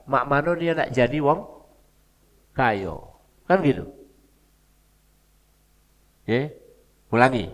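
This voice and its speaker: Palembang-accented man preaching in a hall. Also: mid-range voice. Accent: Palembang Malay. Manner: conversational storytelling with local dialect asides. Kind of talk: mosque lecture. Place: mosque hall. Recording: long reverb of a mosque hall.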